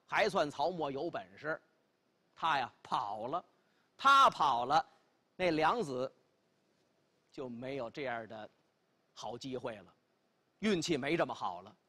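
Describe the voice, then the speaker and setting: Dramatic male storyteller, very animated pitch. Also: slightly rough. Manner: emphatic, dramatic, exclamatory. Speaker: pingshu storyteller. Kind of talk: theatrical traditional Chinese storytelling. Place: television studio stage.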